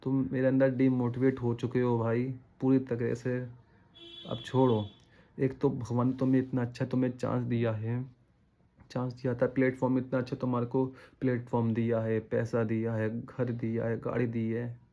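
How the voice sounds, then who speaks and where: A man's voice: mid-range voice, little pitch movement, normal speed, dull audio. A man delivering a casual, rambling opinion rant to his viewers, scolding and disappointed, often repeating himself. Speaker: vlogger.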